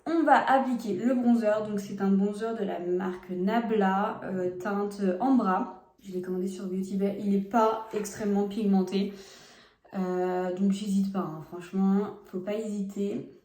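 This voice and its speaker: Young woman beauty vlogger, chatty and frank, warm low-key voice, echoey phone audio. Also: fairly even intonation, measured pace. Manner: frank, chatty, talks to viewers while applying makeup. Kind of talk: casual makeup test vlog. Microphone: phone camera. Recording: roomy phone recording.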